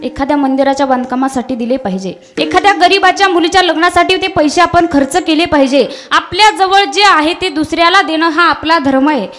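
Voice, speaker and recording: A woman's voice: high voice, fairly quick, few pauses, a bit bright, soft background music. A woman preacher giving a devotional kirtan sermon, addressing the audience directly with storytelling and questions.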